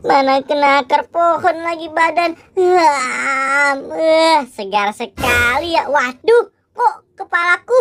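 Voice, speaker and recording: Whiny headless Squid Game guard, voiced by a woman, very high and slow for a kids' skit. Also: lively intonation, fairly bright tone, dry recording, exaggerated voice. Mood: whiny sleepy. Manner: whiny, sighing. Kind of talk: children's costume skit voicing.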